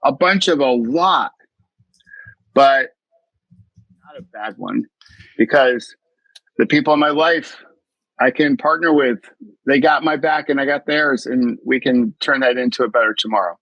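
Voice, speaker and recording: A man's voice: mid-range voice, a little slow, long pauses, a bit bright, dry recording, muffled recording. Earnest middle-aged man, dry sound. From US East Coast. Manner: earnest, reflective, with frequent restarts. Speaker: mindfulness coach and podcast guest. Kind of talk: interview storytelling.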